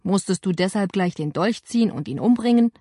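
A woman's voice: mid-range voice, expressive, brisk, dark tone, breathy edge, no room sound, clean studio sound. A woman voicing an elderly male Roman prefect who sternly reproaches a younger man, in an audiobook. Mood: reproachful. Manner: stern, accusing.

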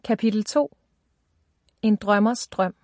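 A woman narrating a children's fantasy audiobook in a calm, even storytelling voice. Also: mid-range voice, dry recording, studio quality.

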